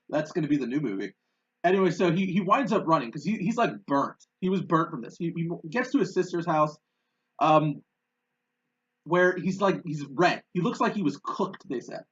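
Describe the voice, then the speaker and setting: A man's voice: on the high side, lively intonation, normal speed, muffled recording. A man co-hosting a podcast, telling a story in a loose, rambling way with frequent laughs. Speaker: podcast co-host. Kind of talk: casual chat.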